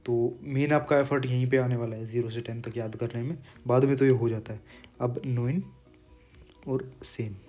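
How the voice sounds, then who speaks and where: Young man, patient language teacher, mellow even voice, faint music behind. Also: mid-range voice. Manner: patient, repeats words slowly for pronunciation. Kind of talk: explaining lesson while writing on a board.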